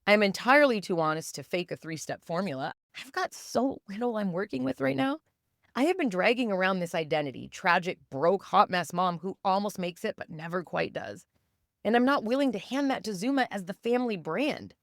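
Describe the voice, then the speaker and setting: A woman's voice: mid-range voice, lively intonation, brisk, a bit bright, no room sound, clean studio sound. A woman in her thirties hosting a podcast, telling a candid personal story in a raw, self-deprecating, confessional way. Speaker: podcast host.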